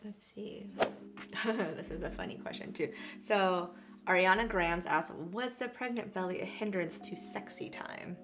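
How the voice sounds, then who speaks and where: A woman's voice: on the low side, unhurried, a bit bright, soft background music. A young woman hosting a casual vlog chat with her husband, often laughing as she reads out viewer questions. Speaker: vlog host.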